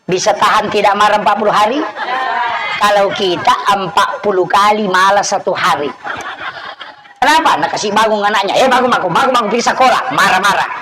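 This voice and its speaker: A man's voice: high voice, noisy background. A man with a Bugis accent preaching a humorous sermon at an evening gathering, teasing the audience and acting out scolding parents.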